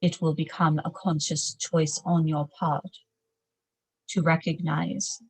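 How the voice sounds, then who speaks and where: A woman speaking as a trance medium, in formal, solemn, measured phrases, as if a spirit guide were advising a client. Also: low-pitched, flat delivery, breathy edge, poor audio. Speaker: trance channeler, seance medium.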